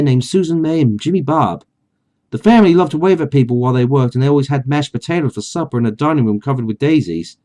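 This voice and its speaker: A man's voice: medium pitch, darkish tone. A man hosting a casual chat and reading from a book, talking freely with many fillers. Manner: chatty, with many fillers and laughs. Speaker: author and channel host.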